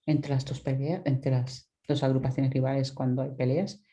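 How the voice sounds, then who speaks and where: Over a video call microphone, a Dominican woman gives an academic talk on her research, reflective in manner and prone to restarts and tag questions. Her mellow voice is rumbling low, with flat delivery at a moderate pace.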